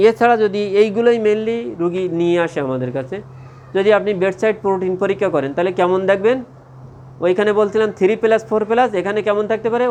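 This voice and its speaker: A man with a high voice teaches a medical class. He poses questions and answers them himself, and he checks again and again that his listeners follow. Faint ambient noise sits under the recording. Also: a little mellow. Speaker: medical lecturer. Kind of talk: classroom lecture.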